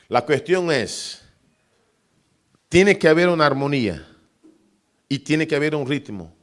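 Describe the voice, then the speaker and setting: A man delivers a sermon on worship music in a lively, demonstrative way. He imitates rhythms out loud with spoken syllables, hums fragments of melodies and addresses his listeners as brother. His voice sits at an ordinary middle pitch. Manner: animated, mimics beats with syllables and hums tunes. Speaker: preacher.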